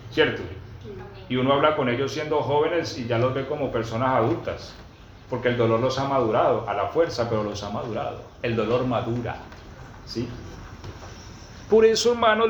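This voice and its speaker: There's a little hiss or hum as a pastor preaches to his church congregation. He reads scripture with slow emphasis and frequently poses questions to them, all in roomy, dull low-fi audio.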